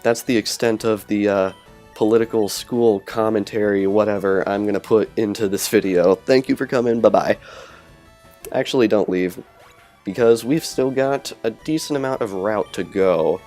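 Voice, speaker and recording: With a darkish, low-leaning voice at a moderate pace, a let's play commentator chats over his gameplay, rambling and self-correcting. A cheap earbud headset mic gives it a lo-fi quality, and game music plays along.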